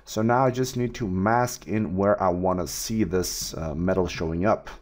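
A man teaching a 3D texturing tutorial over a screen recording, talking in a relaxed way with many fillers and restarts. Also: low voice, normal speed. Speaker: 3D art tutor.

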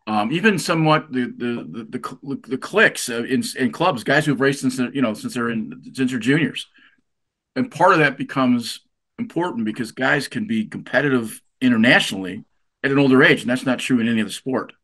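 A man hosts a sailing show in a quick, rapid patter. He chats casually and often repeats words as he gathers his thoughts. His pitch sits in an ordinary middle range. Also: bright, forceful tone. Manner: chatty, repeats words while thinking. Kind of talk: casual interview. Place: marina.

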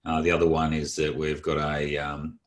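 A man's voice: extremely low pitch, completely flat delivery, moderate pace. A man giving a casual, rambling talk to a group of financial professionals, open and chatty, with lots of fillers and restarts. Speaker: presenter of a training session for advisers.

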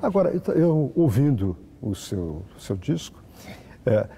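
A man's voice: medium pitch, very animated, slow, creaky, warm tone, a little hiss or hum. A middle-aged man with a Brazilian accent, hosting a conversational celebrity interview. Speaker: television host, interviewer. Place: indoor hotel room set up for interview.

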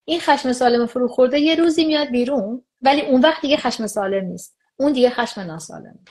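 A woman talking as an expert guest in a conversational show. She explains at length in a casual way. She slips into acted-out dialogue to make her points. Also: sits high. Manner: animated, acts out quoted dialogue. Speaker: psychologist guest.

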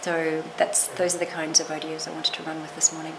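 A middle-aged literature professor gives thoughtful interview answers in a deep, monotone voice at a fairly quick pace. She hedges her statements with asides and restarts along the way. She's seated in a small lecture room, and the recording is noisy.

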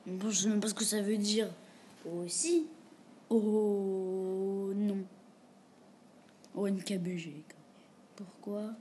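Woman, casual YouTuber chatting with a chatbot at home; slow delivery, mellow tone, reads the bot's lines aloud and mutters her replies under her breath. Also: medium pitch, fairly even intonation, a little hiss or hum. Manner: often drops to a quiet, half-whispered mutter. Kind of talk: casual gaming commentary. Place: room at home with a door.

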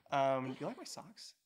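A man's voice: a little high, slight background noise. A young man co-hosting a casual podcast with his partner, joking and rambling with plenty of fillers. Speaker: podcast co-host. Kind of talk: casual couple chat.

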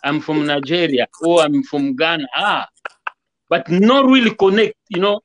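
A guest musician speaks earnestly in a casual interview over a video call, repeating his points and acting out quoted greetings. His voice is on the high side at normal speed, and the webcam recording sounds rough.

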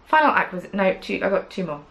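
Gravel-edged woman chatting about yarn. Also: medium pitch, sing-song, rapid-fire, fairly bright tone, rough recording. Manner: chatty, rambling, many "um"s, playful asides. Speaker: knitting podcast host. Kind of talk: casual chat to camera. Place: small indoor craft room with yarn shelves. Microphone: camera at desk distance.

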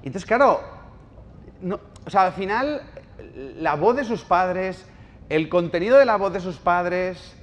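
A man's voice: high-pitched, animated, slow pace. Man lecturing in a reverberant hall. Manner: storytelling, ironic, asks the audience questions. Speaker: speaker at a live talk. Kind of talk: live lecture. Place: bookshop event space with audience.

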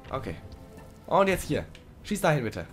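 A young man doing casual let's play commentary, chatting to the game creature and sometimes swearing loudly. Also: a little high, big pitch swings, moderate pace, faint music behind.

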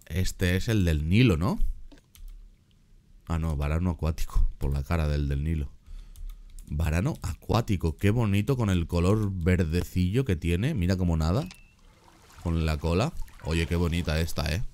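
A man giving casual, excitable commentary while playing a zoo game, often repeating words in quick bursts. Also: sits low. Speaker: gaming YouTuber reacting to a zoo build.

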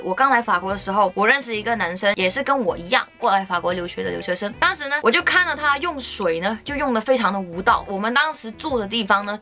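Fast, bright-voiced young woman vlogger. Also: mid-range voice. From Guangdong, China. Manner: earnest, indignant commentary with rising emphasis. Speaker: vlogger host. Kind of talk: opinionated talk to camera.

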